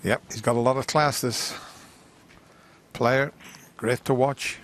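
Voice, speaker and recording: A man giving live snooker commentary in a hushed, measured delivery. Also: mid-range voice, steady tone. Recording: crowd ambience and background noise. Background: snooker arena audience ambience.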